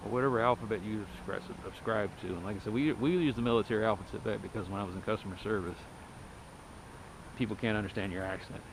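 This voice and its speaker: Out on a nighttime residential street, a wry walking vlogger rambles at a quick pace in a lowish voice, his Texas accent lightly softened. He's blunt and keeps talking as he walks, with passing cars and street noise in the background.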